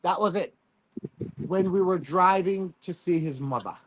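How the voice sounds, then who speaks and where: A man's voice: high-pitched, unhurried, a little hiss or hum, rough recording. A man with a Jamaican accent and Patois turns of phrase, telling stories casually as an interview guest, emphatic and often repeating himself.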